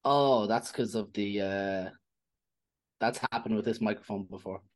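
A man, a comedian guest trading dry, deadpan jokes in casual chat. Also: on the low side, a little slow, low-quality recording. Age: 30s.

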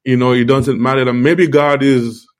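A man giving an informal, halting devotional talk with a toothache, repeating phrases, his speech slightly altered by a sore mouth. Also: medium pitch, flat delivery. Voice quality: speech slightly altered by tongue-led articulation. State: toothache, talking around a sore tooth and gum. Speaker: live-stream preacher.

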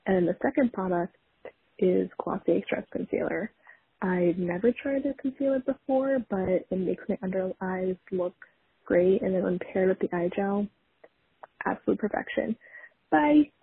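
A woman's voice: medium pitch, normal speed, vocal fry, breathy edge, dry recording. A young woman leaving an upbeat, casual voicemail over a landline phone, with an easy chatty manner. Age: young adult. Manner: upbeat, leans on the word super. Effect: heard over a landline phone voicemail. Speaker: voicemail caller. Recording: tinny phone-line voicemail.

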